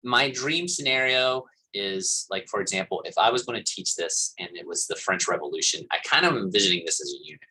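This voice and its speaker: Low, husky-voiced male instructor. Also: expressive, brisk, bright, forceful tone, rough recording. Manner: casual, rambling explanation with fillers. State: coughing and hiccuping. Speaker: college instructor. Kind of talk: recorded class lecture.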